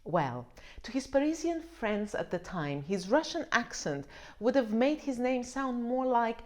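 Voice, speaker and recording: A woman's voice: a little high, expressive, unhurried. A woman presenting a drinks vlog in a scripted explainer style, with wry, playful asides. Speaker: wine vlogger.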